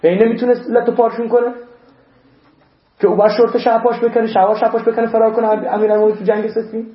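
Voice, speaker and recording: Male cleric, high-pitched, animated sermon delivery; roomy, muffled lo-fi sound. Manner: animated preaching, interleaving recited Arabic verses. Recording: roomy, dull lo-fi recording.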